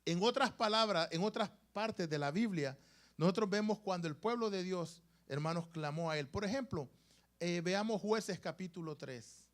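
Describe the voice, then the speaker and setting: A high-pitched man with a Latin American Spanish accent preaches a sermon to his congregation in a church sanctuary at normal speed. His emphasis rises and drops suddenly, and he often turns aside to address the "hermanos," his brothers and sisters.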